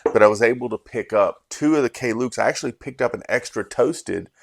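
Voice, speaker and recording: A middle-aged Las Vegas man hosting a bourbon channel speaks at medium pitch, fairly quickly, with a creaky voice. His casual vlog recap of an event is rambling and heartfelt, and he often restarts sentences.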